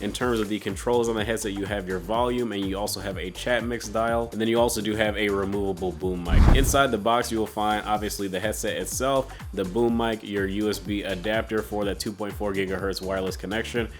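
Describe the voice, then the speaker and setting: Casual male tech reviewer, lower register, congested and stuffy from being sick, clear music underneath. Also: steady tone, a little fast, few pauses. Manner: informal, conversational delivery. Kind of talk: casual scripted product review.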